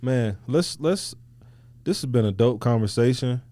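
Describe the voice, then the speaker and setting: A man's voice: mid-range voice, expressive, a little slow, mellow. A man hosting a podcast, talking reflectively in loose, slangy, casual conversation. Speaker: podcast host.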